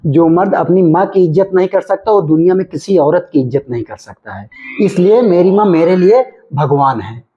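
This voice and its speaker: A man with a fairly high voice scolds and lectures as a husband in a scripted family comedy skit. His voice comes through dull lo-fi home video sound. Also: animated, moderate pace, breathy edge.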